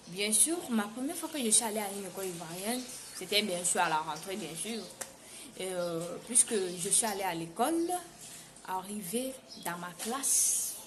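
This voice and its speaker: A woman from Cameroon with a Cameroonian French accent, telling a casual story to her viewers in an animated way and repeating words for emphasis. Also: medium pitch. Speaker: vlogger. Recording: noisy background hiss.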